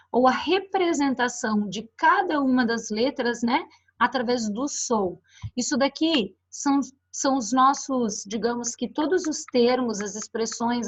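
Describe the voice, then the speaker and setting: Brazilian lady teacher explaining slides, lots of né and ó, kinda high voice, muffled lo-fi audio. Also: fairly bright tone. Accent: Brazilian Portuguese. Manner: explanatory, points at slides, frequent "né" and "ó". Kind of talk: recorded online lecture on phonetics.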